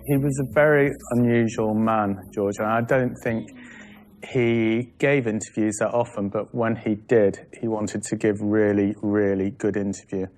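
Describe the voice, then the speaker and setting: A man's voice: fairly low pitch, steady tone, unhurried, darkish tone. A man interviewed, speaking thoughtfully about someone he interviewed. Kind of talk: interview commentary.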